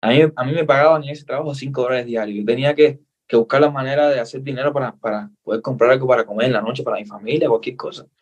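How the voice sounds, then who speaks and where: A man's voice: medium pitch, quick pace, few pauses, slightly rough, lo-fi sound. A young man from Cuba with a Cuban Spanish accent, a guest in a casual interview, telling his story earnestly and acting out the voices of the people in it. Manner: earnest, animated storyteller, acts out dialogue.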